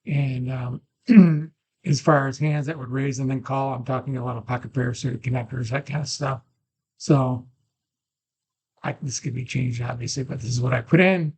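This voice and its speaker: A man's voice: medium pitch, fairly even intonation, moderate pace, darkish tone. A man presenting an informal screen-share tutorial, thinking aloud in a casual, off-the-cuff way, a little muffled on a makeshift mic. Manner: informal, thinking aloud, occasional throat clearing. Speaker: poker strategy video presenter. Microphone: makeshift mic, not a dedicated one. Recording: muffled, without a proper microphone.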